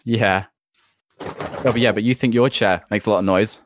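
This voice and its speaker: A man's voice: lowish voice, steady tone, normal speed, slight background noise. A British man chatting casually over a voice call, with a dry, jokey manner. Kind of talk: casual chat.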